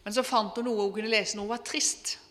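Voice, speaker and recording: A woman preacher retelling a testimony in an earnest, measured sermon style. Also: medium pitch, steady tone, a bit bright, big-room sound. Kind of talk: sermon storytelling.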